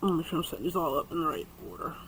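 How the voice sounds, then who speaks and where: A chatty man talks through his crochet work in a bright, sharp voice pitched a touch high. He rambles casually and drops muttered asides to himself as he works, picked up by a camera mic set over his hands. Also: lively intonation, racing, slight background noise, rough recording. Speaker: crochet YouTuber reviewing hooks.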